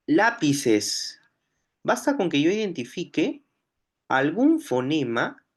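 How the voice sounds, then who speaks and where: A man's voice: mid-range voice, fairly bright tone. A man teaching a language lesson, working through exam questions aloud and thinking as he goes. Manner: explanatory, thinks aloud while solving. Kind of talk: explaining exam questions on phonology.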